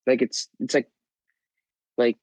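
A man's voice: slow, a little mellow, no room sound, poor audio. A teenage boy co-hosting a podcast, telling a long rambling story full of fillers and restarts. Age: teens. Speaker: podcast co-host. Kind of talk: casual chat.

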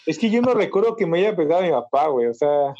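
A young man with a Mexican accent in a casual podcast chat, relaxed, chiming in and laughing along. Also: on the high side, fast talker. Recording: dull lo-fi recording.

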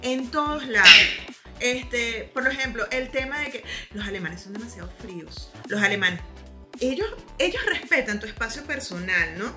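A Venezuelan woman chatting casually on a podcast, telling lively stories about her life abroad. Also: on the high side, moderate pace, soft background music. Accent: Venezuelan Spanish. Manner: lively storytelling, acts out quoted voices. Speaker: podcast guest. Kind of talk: casual chat.

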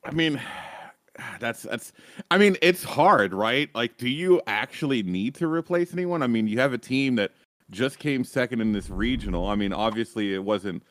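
A man's voice: mid-range voice, lively intonation, normal speed, a bit bright, no room sound. A man on an esports panel, talking casually and thinking aloud with many hedges.

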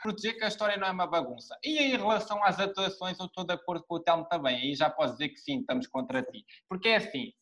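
A man's voice: fairly high pitch, a bit bright. A man in his twenties with a European Portuguese accent, chatting casually and bluntly as an argumentative podcast co-host. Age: 20s. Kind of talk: casual chat.

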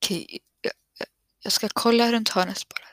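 A woman's voice: fairly high pitch, steady tone, dry recording. A woman whispering nervously as she narrates a horror game, stammering and swearing under her breath.

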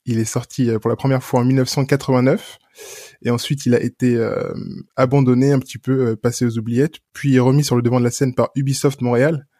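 A man's voice: medium pitch, little pitch movement, brisk, dark tone, dry recording, studio quality. A man hosting a video game podcast, introducing a guest and asking questions with some fillers. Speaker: podcast host. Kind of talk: podcast interview.

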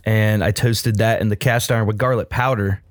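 A man co-hosting a casual chat, describing a family recipe in a relaxed, hesitant way. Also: fairly low pitch, moderate pace, no echo, studio quality. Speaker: co-host describing his recipe.

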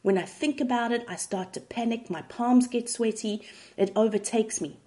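A woman voicing an anxious, fretful female patient in a retold comedy sketch, pleading and slightly higher-pitched. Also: moderate pace, dark tone, close to an everyday voice.

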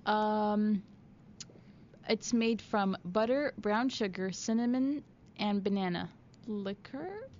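A woman's voice: medium pitch, takes it slowly, darkish tone, highs cut off, a little hiss or hum. Hesitant young woman podcast co-host. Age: young adult. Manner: hesitant, rambling, with many ums. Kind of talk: casual chat. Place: radio studio. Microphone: studio mic.

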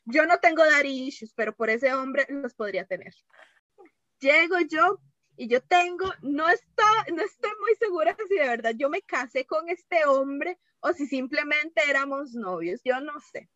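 Bright-voiced Costa Rican woman, dry recording. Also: sits high, lively intonation, unhurried, no room sound, dull audio. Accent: Costa Rican Spanish. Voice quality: chatty, rambling, mixes in English. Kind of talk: casual chat, recounting dreams.

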